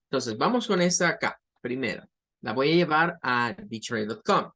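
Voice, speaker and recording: A man's voice: medium pitch, lively intonation, normal speed, sharp tone. A man teaching an online pronunciation lesson, patiently repeating words to model each sound. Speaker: English teacher.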